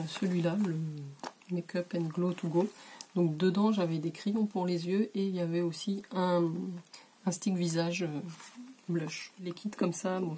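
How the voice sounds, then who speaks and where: A woman in her bedroom giving a relaxed, chatty makeup tutorial, with many hesitations, sometimes dropping to a whisper while she applies product. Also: on the low side, slight background noise. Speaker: beauty vlogger. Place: warm bedroom.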